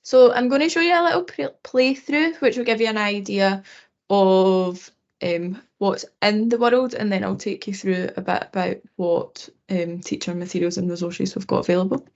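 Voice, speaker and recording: A woman's voice: medium pitch, steady tone, normal speed. A woman giving a casual, loosely worded webinar presentation, heard over a video call. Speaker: presenter sharing her screen. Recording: dull lo-fi video call audio.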